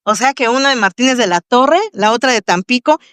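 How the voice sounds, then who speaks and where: A woman's voice: a little high, fairly quick, smooth, no room sound, clean studio sound. Mexican woman hosting a faith podcast. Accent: Mexican Spanish. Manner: warm, devout welcoming address to the audience. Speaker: podcast host. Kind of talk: faith testimony interview.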